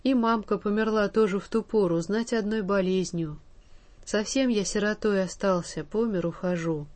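A woman's voice: medium pitch, darkish tone, lightly acted. A frail orphan boy of about ten, weak and frightened, drawing his words out plaintively, as a woman reading a story gives him voice. The voice rises only slightly above her own. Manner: weak, plaintive, drawn-out speech.

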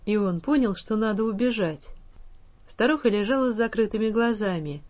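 A woman reads a children's storybook aloud as narrator. Her delivery is slow and measured, with a mid-range pitch and a calm, steady pace. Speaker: audiobook narrator.

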